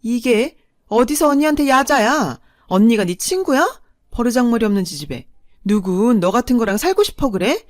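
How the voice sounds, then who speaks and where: A woman voicing a harsh, selfish middle-aged mother who berates her daughter in a shrill voice. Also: expressive, normal speed, no echo, clean studio sound, natural voice. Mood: berating.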